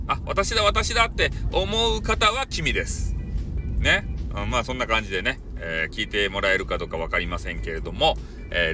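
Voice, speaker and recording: A man's voice: mid-range voice, bright, forceful tone. A man with a Hakata dialect, chatting casually and jokingly as the host of a solo podcast. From Fukuoka, Japan. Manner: chatty, jokey, mixes dialect into polite speech.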